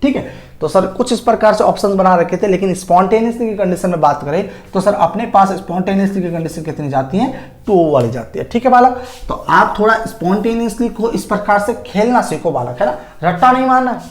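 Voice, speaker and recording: A man's voice: high voice, lively intonation, fairly quick. A male chemistry teacher lecturing at a whiteboard, posing rhetorical questions to the class and answering them himself. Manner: asks himself rhetorical questions and answers them, calls students "sir" and "child". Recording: echoey room.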